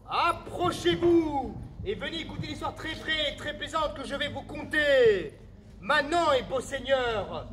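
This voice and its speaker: Casting: male actor as medieval town crier, jovial street storyteller, very high pitch, unhurried proclaiming delivery. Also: fairly bright tone, full character voice. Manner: town crier's proclaiming, drawn-out calls to the crowd. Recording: live festival recording, faint background noise.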